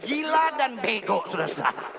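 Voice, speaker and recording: Scornful high-voiced preacher man. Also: sing-song, a little fast, vocal fry, background noise. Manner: scornful, repetitive chanting phrases. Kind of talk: sermon commentary.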